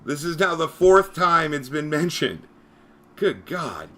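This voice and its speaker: A man's voice: fairly high pitch, very animated, slow pace, fairly bright tone, slight background noise. A man who moderates a Discord, ranting on a livestream in an exasperated, profane way. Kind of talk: livestream rant.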